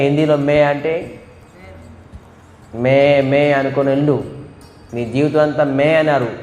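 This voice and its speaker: A man preaching a devotional storytelling sermon, asking and answering his own questions and imitating animal calls. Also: mid-range voice. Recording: echoey hall with faint music.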